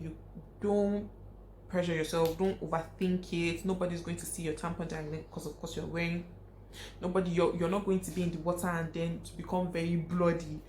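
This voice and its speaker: Her pitch fairly low and her tone dark, a young woman counsels her viewers frankly and emphatically in a casual talk to camera, saying key points more than once. The recording has echo and a faint hiss.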